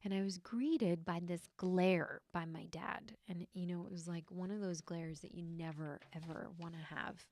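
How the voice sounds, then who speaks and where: A young adult woman, a podcast host and healer, tells a personal story in a soft, reflective, hesitant way, with frequent fillers. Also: lowish voice, fairly even intonation, normal speed, few pauses, no echo, clean studio sound.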